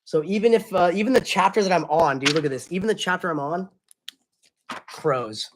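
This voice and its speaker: A man's voice: sits high, brisk, fairly bright tone, a little hiss or hum. A young man streamer chatting casually with his live chat, loose and slangy, often apologizing.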